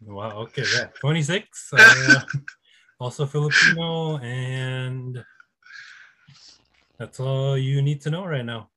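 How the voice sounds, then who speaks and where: A man in his twenties co-hosts a podcast in relaxed, wry talk with a blunt streak. His voice is bright and sharp, at an average pitch for a man. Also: takes it slowly, pauses often. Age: 20s. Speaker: podcast co-host. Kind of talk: casual chat.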